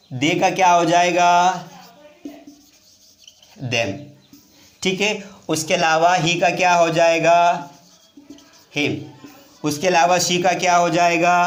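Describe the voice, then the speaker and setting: Give me a high-voiced Indian man teaching English grammar. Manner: lively, questioning students often. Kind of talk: whiteboard grammar lesson. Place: classroom with board. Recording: echoey room.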